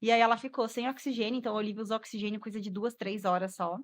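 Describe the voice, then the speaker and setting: A woman's voice: medium pitch, little pitch movement, racing. A woman, a guest mother telling her personal story expressively, acting out the dialogue and laughing along the way.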